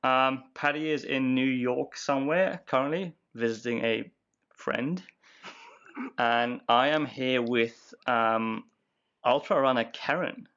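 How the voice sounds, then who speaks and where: A man's voice: medium pitch, takes it slowly, a bit bright, lo-fi sound. A man hosting a podcast, talking loosely and casually, often repeating words. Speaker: podcast host. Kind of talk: casual chat.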